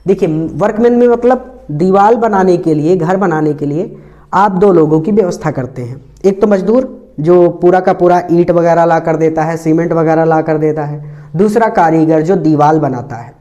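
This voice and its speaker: A man teaching an English lesson, explaining each phrase slowly and repeating it in several ways. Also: fairly high pitch, warm tone, dull audio. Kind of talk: line-by-line Hindi explanation of an English text.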